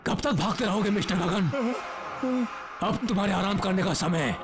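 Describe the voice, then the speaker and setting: A man's voice: high voice, animated. An actor playing a menacing man who taunts his victim. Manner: taunting, quick.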